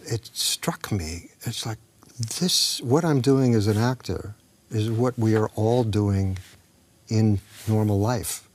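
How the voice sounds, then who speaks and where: A man's voice: lowish voice, a little mellow, slightly rough. A man, an actor, talking reflectively in an interview and telling a story with acted-out dialogue, sometimes dropping to a whisper.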